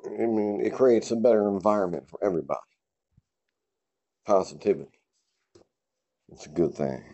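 Laid-back low-voiced rambling man. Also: expressive, normal speed, dark tone, highs cut off. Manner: rambling, laid-back, swears casually, many fillers. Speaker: podcast host. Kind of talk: casual solo podcast rambling. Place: home garage.

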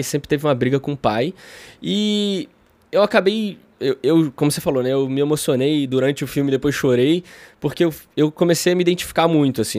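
A man's voice: a little high, darkish tone, dry recording. A young man with a Brazilian Portuguese accent, co-hosting a podcast in casual, chatty talk and laughing often. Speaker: podcast co-host.

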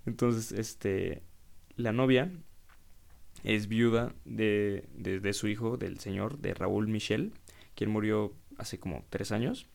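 A young man in his twenties with a Mexican Spanish accent, talking alone into his podcast mic. His voice sits fairly low and has a gravelly rasp, and he tells his stories in a lively, slangy way, swearing freely as he goes. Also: slow. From Querétaro, Mexico. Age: 20s. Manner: animated, slangy storytelling with frequent swearing. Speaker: podcast host. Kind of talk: casual solo podcast monologue.

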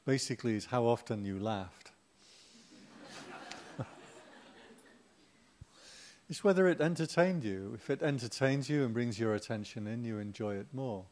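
A man's voice: medium pitch, animated, unhurried, pauses often, a little mellow. A middle-aged man giving an informal Dharma talk as a Buddhist teacher, chatty and humorous, with playful asides to the audience.

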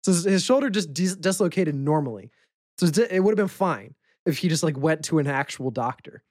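A man's voice: on the high side, animated, fairly quick, a little mellow, no echo, studio quality. A man co-hosting a casual podcast chat, rambling loosely, laughing often and swearing offhand. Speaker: podcast co-host. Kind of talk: casual chat about fighting.

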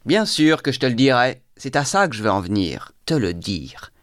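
A man's voice: mid-range voice, big pitch swings, normal speed, a bit bright, no echo, clean studio sound. A man reading aloud, voicing a bitter young intellectual who talks in a feverish, exalted monologue.

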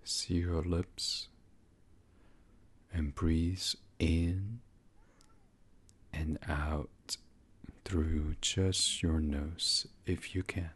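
Leading a guided sleep meditation, a man speaks in an extremely low voice with fairly even intonation. The delivery is hushed, breathy, slow, soothing, and instructional, frequently sinking to a whisper.

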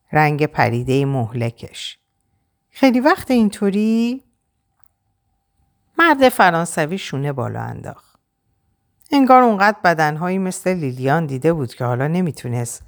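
A woman narrates an audiobook with a low voice that moves widely in pitch. Her reading is expressive and dramatic, and she leans into the tense moments of the story.

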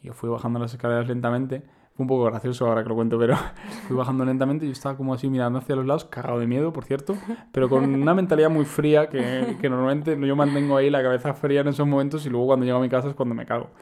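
Fast-talking young man telling a story. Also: mid-range voice. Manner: animated storyteller acting out quotes. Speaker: podcast guest storyteller. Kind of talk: casual chat.

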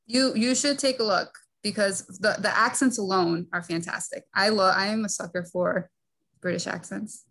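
A woman's voice: medium pitch, moderate pace, fairly bright tone. A young woman from the Northeastern US, chatting and giggling as a podcast guest, saying "like" often. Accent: Northeastern American. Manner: giggly, talkative, uses "like" a lot. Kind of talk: casual interview chat.

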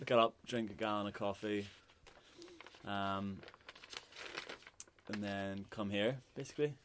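Relaxed, rambling musician, low voice. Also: male voice, slow pace, pauses often, background noise. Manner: relaxed, hesitant, many fillers. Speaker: musician guest. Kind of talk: casual interview chat.

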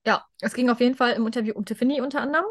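A woman's voice: on the high side, rapid-fire, no echo, studio quality. A young adult woman co-hosting a podcast, talking casually as a fan with English words dropped into her German. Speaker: podcast co-host.

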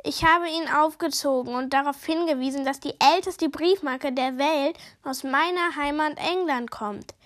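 A woman's voice: sits high, moderate pace, few pauses, fairly bright tone. A woman voicing a sheepish male hotel owner who apologizes meekly. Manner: apologetic, meek.

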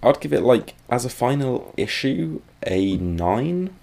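A man's voice: medium pitch, big pitch swings, slow, gravelly, darkish tone. A man co-hosting a comics podcast, talking casually and rambling, often trailing off mid-thought. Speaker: podcast co-host. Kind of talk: casual comic book discussion.

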